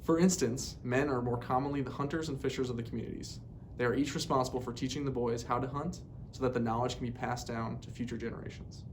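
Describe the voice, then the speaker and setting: Here a man formally reads a scripted educational narration. He was recorded on a poor microphone, with noticeable rumbling in the background.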